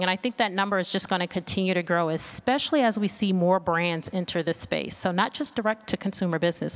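A woman who is a marketing research executive gives an informal, conversational conference presentation in a mid-range voice, asking rhetorical questions, checking in with listeners and often adding "right?". She's in a large indoor conference hall, and the venue sound system leaves a long hall reverb on the recording.

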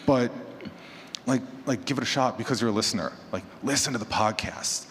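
A brisk, fairly bright medium-pitched male voice comes from a panelist who podcasts about horror fiction. He talks casually to a convention audience, encouraging and conversational. The large indoor room is echoey, with clear background noise.

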